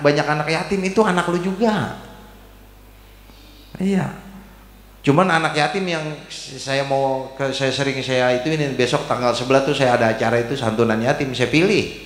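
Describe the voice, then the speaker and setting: A man preaching a humorous sermon, joking and teasing the congregation in colloquial speech. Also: medium pitch. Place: mosque hall. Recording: echoey mosque hall with long reverb.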